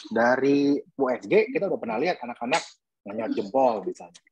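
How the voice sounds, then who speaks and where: A man's voice: medium pitch, lively intonation, brisk, slight background noise, rough recording. A man who is a pediatric dentist, giving an earnest webinar talk to parents and posing emphatic rhetorical questions.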